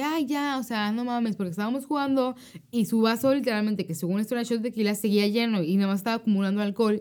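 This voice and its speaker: A young Mexican woman co-hosting a podcast, telling stories in casual, slangy chat. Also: mid-range voice. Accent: Mexican Spanish. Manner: slangy, animated storytelling. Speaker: podcast co-host.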